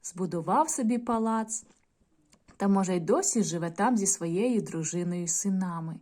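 A woman teacher in a video lesson, reading a folk tale aloud and addressing the children in a clear, measured storytelling manner. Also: mid-range voice, darkish tone. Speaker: primary school teacher.

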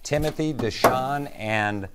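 A man hosting a live television segment from a studio kitchen set, trading jokes and playful teasing with his guests. Loud background noise from a running machine hangs under his voice. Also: mid-range voice, takes it slowly. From Minnesota. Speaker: TV show host. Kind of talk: live TV cooking segment banter.

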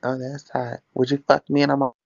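Brash, teasing livestream host. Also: male voice, medium pitch, completely flat delivery, fairly quick, creaky, a little mellow, no room sound, dull audio. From Mississippi. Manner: brash, teasing, swears a lot. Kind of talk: crude livestream banter.

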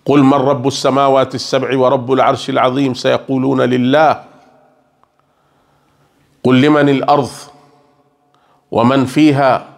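A middle-aged religious scholar gives a sermon lecture with Quran recitation in an indoor mosque lecture room, speaking into a stand mic on a table. His medium-pitched, gravelly voice is flat and racing, broken by long pauses. He explains earnestly, repeating phrases and gesturing.

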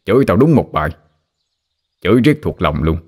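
A man's voice: deep voice, big pitch swings, moderate pace, a little mellow, breathy edge, heavily acted. A man voicing a teasing, grumbling father near sixty.

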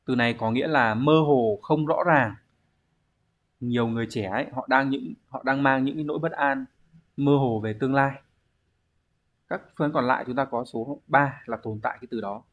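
A man's voice: mid-range voice, moderate pace, highs cut off. A man, teaching a language exam review lesson, explaining step by step and answering his own questions.

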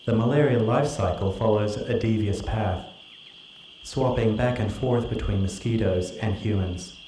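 Male science documentary narrator, low mellow voice, measured scripted read, roomy hall playback. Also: slight background noise.

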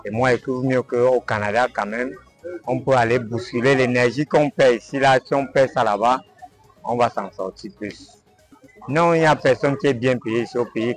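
A young man speaks in an earnest, complaining way outdoors. His voice sits at a middling pitch, with faint music behind him. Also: rough recording. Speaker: street interviewee. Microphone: lapel.

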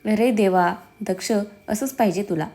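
A woman voicing a calm, gently teasing middle-aged mother-in-law in a storybook. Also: medium pitch, normal speed, close to an everyday voice.

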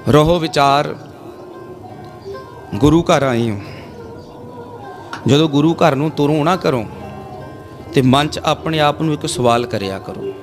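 Sermonizing man, higher voice, faint music. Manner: asks the listeners rhetorical questions and leads call-and-response chanting. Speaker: Sikh preacher leading a congregation. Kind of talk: sermon storytelling.

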